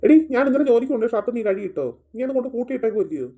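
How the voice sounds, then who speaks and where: A woman's voice: fairly high pitch, animated, racing, dark tone, breathy edge. A woman playing a grumbling family father. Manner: nagging, complaining. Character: grumpy middle-aged father, scolding his wife. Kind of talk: family skit acting.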